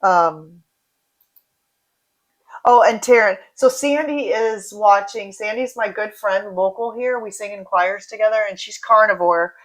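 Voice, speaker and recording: A woman's voice: mid-range voice, unhurried. Chatty woman in her forties. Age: 40s. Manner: chatty and rambling, drifting between asides. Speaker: host reading viewer comments. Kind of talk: casual livestream chat.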